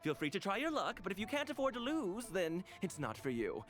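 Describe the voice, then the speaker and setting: A man's voice: sits high, wildly swooping pitch, fairly quick, a bit bright, faint music behind, heavily acted. An actor playing a slick, self-justifying jade merchant in a video game, with a theatrical salesman's manner. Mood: smooth, defensive. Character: slick male jade merchant, indignant and smooth-talking.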